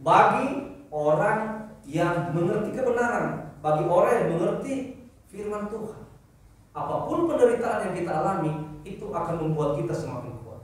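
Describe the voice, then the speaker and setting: A man preaching a sermon as pastor, animated, acting out little dialogues and repeating phrases for emphasis. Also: high-pitched, normal speed. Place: church hall. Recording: very echoey church hall, mic at distance.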